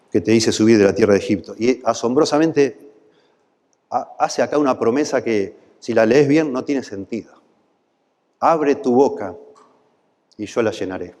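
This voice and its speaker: A man's voice: medium pitch, a little mellow, big-room sound. A man with a Rioplatense Spanish accent preaching a sermon, voice swelling into impassioned pleading at its peaks. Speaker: pastor.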